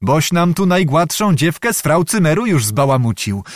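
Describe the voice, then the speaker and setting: A man voicing a small, mocking young cavalry officer in an audiobook, speaking in a sly, teasing, deliberate way. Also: fairly high pitch, big pitch swings, dry recording, studio quality, pitched above the performer's own voice.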